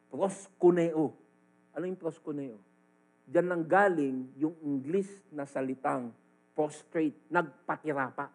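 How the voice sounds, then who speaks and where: A man with a Filipino accent preaching a sermon as pastor, swinging between loud emphatic lines and quiet asides. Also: on the high side, low-quality recording.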